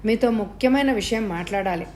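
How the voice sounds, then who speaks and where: A woman's voice: on the high side, fairly quick, darkish tone, a little hiss or hum, natural voice. A woman reading the part of a cool, serious young woman who speaks in a matter-of-fact way in an audio story.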